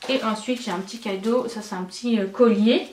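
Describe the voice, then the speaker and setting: A young woman with a slightly high voice chats as a beauty vlogger, enthusiastic and full of hesitant fillers. Her voice rings in an echoey room, recorded by a mic set some distance from her. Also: fairly even intonation, brisk, a little mellow, a little hiss or hum. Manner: chatty and enthusiastic, many fillers. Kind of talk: casual chat.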